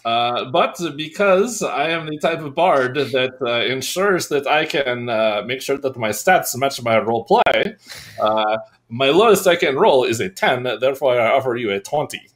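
Man player, mid-pitched, lively intonation, mock-grand bard talk. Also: normal speed. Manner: mock-formal, pompous in-character talk with frequent uh fillers. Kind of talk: in-character tabletop role-play.

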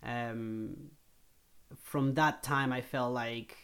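A man's voice: medium pitch, steady tone, very slow, a bit bright, clear, resonant tone. A man from Chile, a missionary guest telling his story in an earnest, reflective way during a casual faith conversation.

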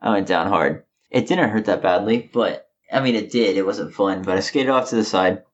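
Guy in his late 20s, deep voice, little lisp, kinda dull lo-fi audio, rambly casual chat. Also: moderate pace, slight background noise. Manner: slight lisp from knocked-out teeth. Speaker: podcast co-host.

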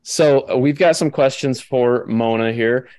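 A man's voice: medium pitch, measured pace, darkish tone, smooth. A man with a Midwestern American accent, hosting a podcast in a joking, rambling way. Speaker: podcast host. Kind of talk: casual podcast chat.

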